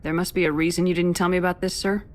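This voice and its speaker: Woman as brisk Commander Shepard, low-voiced. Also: level tone, slight background noise, close to an everyday voice. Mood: direct. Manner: direct, terse, cool. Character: confident, direct female military commander. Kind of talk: video game voice acting.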